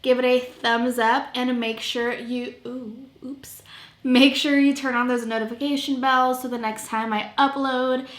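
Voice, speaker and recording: Beauty vlogger, woman, chatty and playful, slightly high voice, roomy sound with faint music. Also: fairly even intonation, unhurried. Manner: chatty and playful, trails off mid-sentence. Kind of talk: casual makeup tutorial chat.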